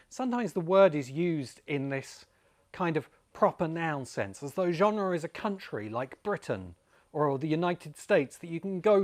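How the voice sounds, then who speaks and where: This video essay host has a somewhat high, slightly mellow voice and rambles through ideas in an informal, opinionated monologue to camera, addressing the listener directly. He's filming at home amid rice fields in Bali.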